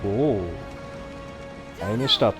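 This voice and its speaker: A man's voice: lowish voice, drawn-out words, over music. A man with a Bernese Swiss German accent, giving casual commentary as he plays a game. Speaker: let's play host. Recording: clear noise behind the voice. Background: video game noise.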